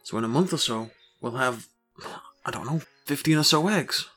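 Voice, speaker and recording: A man playing a broke farmer husband in an audio story, excitable and rambling, full of grandiose schemes. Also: medium pitch, moderate pace, faint music behind. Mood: eager, explaining.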